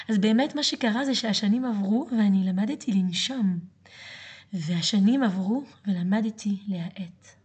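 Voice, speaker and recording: A woman podcast host with a French accent and a husky, slightly hoarse voice. She speaks at a medium pitch in an intimate, reflective monologue. Her delivery is earnest, and phrases often trail off softly. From France.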